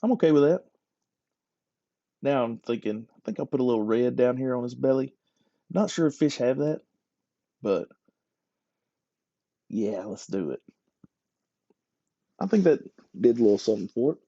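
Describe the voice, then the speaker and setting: A man with a mellow, darkish voice chats through a hobby craft tutorial, joking at his own expense. The sound is dry and close with no room around it, and a little dull and lo-fi. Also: medium pitch, animated, normal speed, pauses often, no echo. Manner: self-deprecating, joking, chatty. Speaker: hobby lure carver. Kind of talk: casual voice-over tutorial.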